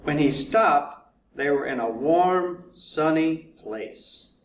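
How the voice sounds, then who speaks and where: Slow, deliberate man reading a storybook. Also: fairly high pitch, lively intonation. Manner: deliberate, drawn-out repetition for effect. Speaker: fire chief reading to children. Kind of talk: children's storybook narration. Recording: roomy echo, distant mic, faint noise.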